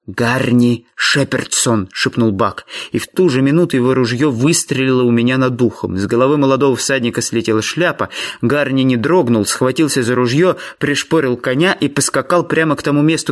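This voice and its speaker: A man narrating a story in the first person with an even, measured delivery. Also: mid-range voice. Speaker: audiobook narrator.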